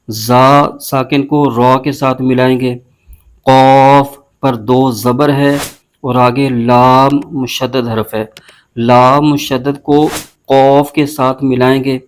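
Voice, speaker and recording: A man teaching a recitation lesson, explaining pronunciation rules and spelling out syllables slowly and deliberately. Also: mid-range voice. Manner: slow, drawn-out spelling of syllables between brisk explanations. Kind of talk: word-by-word tajweed lesson.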